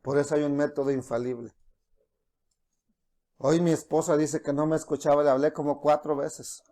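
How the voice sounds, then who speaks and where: A man's voice: fairly high pitch, flat delivery, moderate pace. A man preaching a sermon as pastor, earnest, often restarting his words. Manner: earnest preaching with frequent restarts, acts out soft quoted voices.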